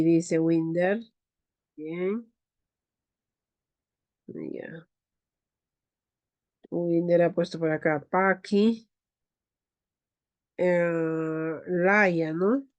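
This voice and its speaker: A woman teaching an online class, leading slow pronunciation drills and calling on students. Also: lowish voice. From Peru. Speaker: Quechua teacher.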